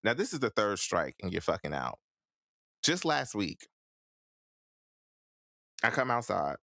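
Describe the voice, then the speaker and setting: A man's voice: on the low side, big pitch swings, unhurried, creaky, sharp tone, dry recording, clean studio sound. A man hosting a casual podcast chat, ranting emphatically and swearing freely. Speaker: podcast host.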